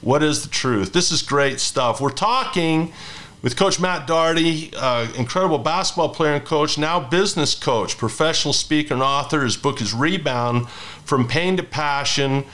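A man's voice: on the high side, normal speed, fairly bright tone. A man in his fifties hosting a conversational interview, telling rambling anecdotes between questions. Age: 50s. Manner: rambling storyteller who hosts the interview. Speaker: podcast host.

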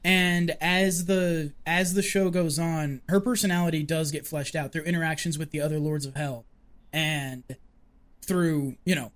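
A laid-back speaker in a casual podcast chat, voice at a middle pitch. The delivery is relaxed and easygoing, and they laugh often. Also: unhurried. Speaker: podcast co-host. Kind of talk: casual chat reviewing an anime.

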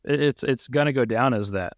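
Male co-host, mid-pitched, dry close mic, eager and chatty. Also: fairly quick, dry recording. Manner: enthusiastic, reads out title history. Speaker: podcast co-host. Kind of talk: casual podcast chat.

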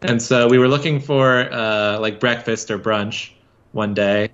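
A man's voice: medium pitch, measured pace, lo-fi sound. A man who is a podcast guest, casually telling a story with lots of filler words. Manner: storytelling, relaxed with many fillers.

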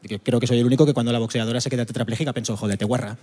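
A man's voice: mid-range voice, fairly even intonation, in a large hall, very noisy. Punchy Spanish stand-up comedian man. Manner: punchy, chatty, quick asides. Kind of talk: stand-up monologue.

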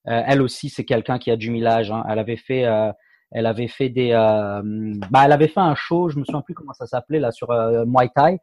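A man chatting casually about fighting sports as a podcast co-host, halting with many fillers and restarts. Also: mid-range voice, a little mellow, no echo.

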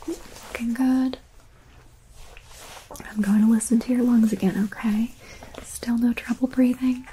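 A young woman whispering softly and reassuringly, in a whispered medical roleplay as a paramedic. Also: on the high side, slight background noise, low-quality recording.

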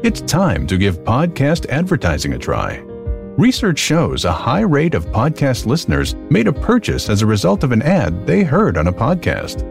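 A man with a gravelly edge reads a scripted ad, his pitch rising and falling very widely. Faint guitar music plays behind him. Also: huge pitch swings, moderate pace. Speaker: ad announcer. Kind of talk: scripted ad read.

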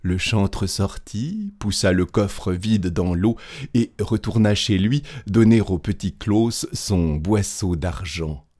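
A man narrating a folk tale in a measured, expressive storybook reading. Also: fairly low pitch.

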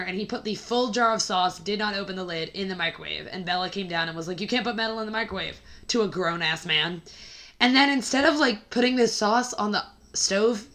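A woman podcast co-host with a hoarse, scratchy smoker's rasp, chatting casually and wryly about a book. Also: medium pitch, fairly bright tone. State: hoarse after flu.

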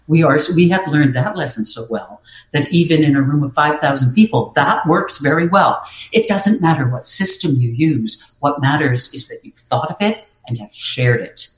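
In this talk on presenting, the coach explains things at a steady, measured pace, sometimes hesitating while hunting for the right word. The pitch is middling, and the room adds a noticeable echo.

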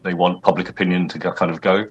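A man from the UK, a music producer and guest, talking in a relaxed, hesitant way with filler words. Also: low voice, quick pace, slightly rough, lo-fi sound. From United Kingdom. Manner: relaxed, hesitant, laughs often. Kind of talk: casual interview chat.

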